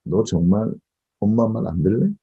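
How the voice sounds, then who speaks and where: A man voicing an angry mother who scolds her daughter with a raised voice, low and husky. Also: normal speed, muffled recording. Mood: scolding.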